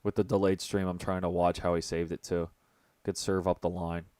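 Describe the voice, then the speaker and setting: Young male streamer, low dry voice, casual excitable play-by-play from home. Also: moderate pace, smooth, no echo. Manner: chatty, excitable, jokes with people off mic. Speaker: tennis commentator and host. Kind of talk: casual live-stream commentary.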